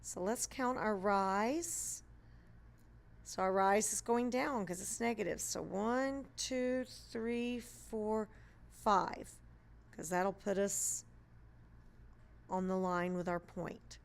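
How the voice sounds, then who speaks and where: Lady math teacher talking thru a lesson, patient, step by step, mid pitch, kinda playful. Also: takes it slowly, vocal fry. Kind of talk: screencast lesson narration.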